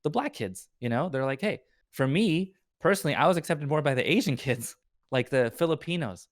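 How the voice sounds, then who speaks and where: A man's voice: a little high, lively intonation, brisk, no room sound. Young guy, podcast guest, loose rambling chat, lots of "like", bounces into quoted voices, dead-dry close mic. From Orange County, California. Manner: rambling, heavy use of "like" and "right?"; acts out other people's voices in quotes. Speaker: guest, lawyer and streamer.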